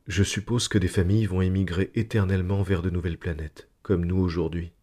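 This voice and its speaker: A weary, wistful mother, read by a man in a soft, sighing delivery. The voice stays quiet and mellow, with a low, dark warmth. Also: steady tone, fairly quick.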